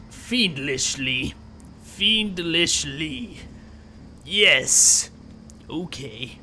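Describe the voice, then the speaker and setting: A man's voice: high voice, fairly bright tone, exaggerated voice. A man hosting a game playthrough while putting on a pompous, gloating male villain who is a demon-pact scientist, talking theatrically and sarcastically and stretching out dramatic words. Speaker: let's play host. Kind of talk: villain-persona game commentary.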